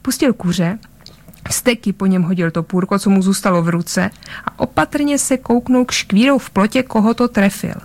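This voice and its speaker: A woman reading a story aloud, narrating with lively delivery and small slips. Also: medium pitch. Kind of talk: audiobook-style story reading.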